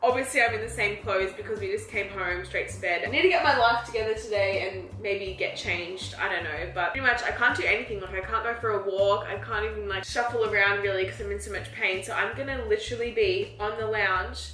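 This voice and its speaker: A woman's voice: medium pitch, fairly quick, few pauses, bright, forceful tone, reverberant. A young Australian woman in her twenties vlogging casually to a handheld camera at home, unwell and tired, talking with lots of "like" fillers. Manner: chatty, frequent "like" fillers, self-mocking. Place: home apartment, indoors.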